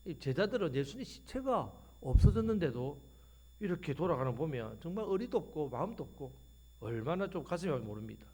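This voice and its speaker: A man's voice: on the high side, big pitch swings, brisk, dark tone, breathy edge. A male pastor preaching a Sunday afternoon sermon in a church, asking the congregation questions and answering them himself. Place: church sanctuary.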